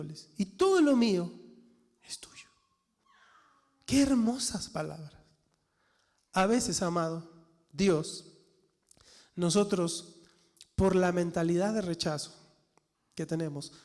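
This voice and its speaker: Man, pastor's sermon, high voice, long church reverb. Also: darkish tone. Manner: preaching with dramatic quoted voices and rhetorical questions. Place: church hall.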